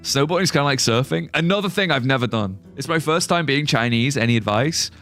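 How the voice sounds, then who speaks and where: A young British man, born in Singapore and raised British, chats casually while livestreaming a game and reading chat, rambling, restarting sentences and laughing at chat jokes. His mid-range voice is brisk and a bit bright with lively intonation, and faint music plays behind him.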